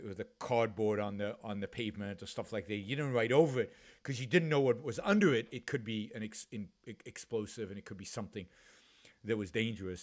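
A man in his fifties from Israel hosts a solo talk-radio show from his home office, wearing headphones and speaking into a studio mic with a pop filter. His mid-range voice has a fairly bright tone, and he talks earnestly, often restarting and using fillers.

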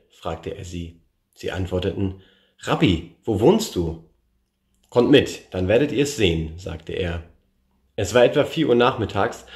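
Deep-voiced man reading scripture, echoey room. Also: a little mellow. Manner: measured reading, gives the quoted speakers a lift. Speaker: scripture reader. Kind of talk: bible reading.

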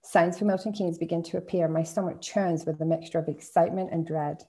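A woman author reading a first-person story aloud in a measured, descriptive way. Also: on the low side, fairly even intonation, warm tone. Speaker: author reading her work.

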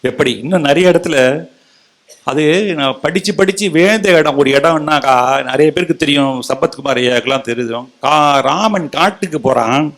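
A man giving a literary oration in Tamil, chanting verse lines slowly and then explaining them in quick colloquial asides. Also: a little high, a bit bright. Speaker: orator.

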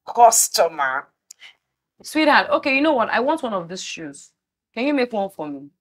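A woman's voice: a little high, very animated, moderate pace, no echo. A Nigerian woman playing a flashy, boastful young woman who teases and gossips, mixing Pidgin into her English. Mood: teasing. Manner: teasing, boastful, mixes in Pidgin. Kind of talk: Nollywood film acting.

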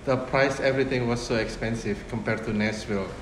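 A man in his fifties, originally from Indonesia, a restaurant owner speaking in a casual interview, unhurried and full of fillers and restarts. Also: mid-range voice, fairly even intonation. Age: 50s. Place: restaurant dining room, indoors. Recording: roomy echo with room noise.

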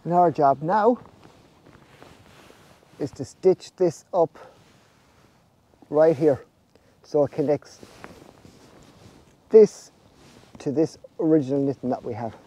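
This Irish man in his forties, a snail farmer presenting his vlog, speaks slowly and pauses often while casually explaining farm jobs outdoors under netting. His voice is on the high side, mellow with a breathy edge, and the recording's highs are cut off.

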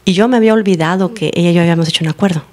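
A woman giving a teaching and testimony to her congregation, telling her story with lively acted-out dialogue. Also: on the low side, rapid-fire. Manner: animated storytelling, acting out dialogue. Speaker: church member giving a teaching. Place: church service, recorded live.

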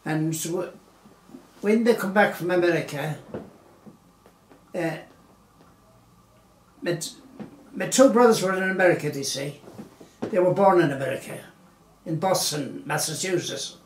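A man, recalling his childhood in a slow, rambling way full of pauses and fillers. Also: on the high side, slight background noise. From Galway, Ireland. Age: 90s. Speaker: oral history interviewee. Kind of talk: unhurried storytelling reminiscence. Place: small living room indoors, seated in armchair. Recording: roomy living-room echo.

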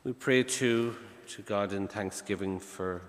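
A man, a priest, leading funeral Mass prayers at the altar in a calm, measured way with conversational asides. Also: fairly low pitch. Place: large church, at the altar. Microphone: far camera, church PA. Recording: long church reverb.

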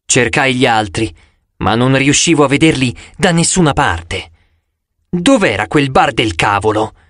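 A man narrating a first-person audiobook in an expressive storytelling manner, recorded close in a studio. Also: mid-range voice, a little slow, no room sound.

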